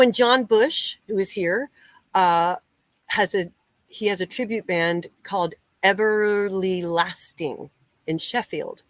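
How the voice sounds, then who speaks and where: A woman's voice: mid-range voice, no room sound. An American woman musician hosting a casual livestream, chatting and greeting viewers by name as she reads their comments. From United States. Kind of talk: casual live-chat hosting.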